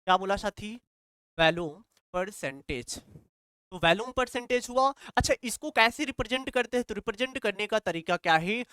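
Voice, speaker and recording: A man's voice: extremely high pitch, fast, few pauses, pushed and bright, clean tone, dry recording. A man teaching a chemistry class, repeating each point and quizzing his students questions that he answers himself. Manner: repetitive call-and-response questioning. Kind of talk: classroom lecture.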